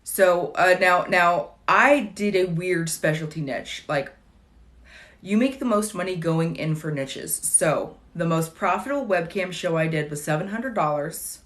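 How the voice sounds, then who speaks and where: Woman, late 30s, livestream host; casual, joking, rambling delivery, lowish pitch. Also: a little slow, a bit bright. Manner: chatty, wry and digressive, with dry jokes. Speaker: livestream host answering viewer questions.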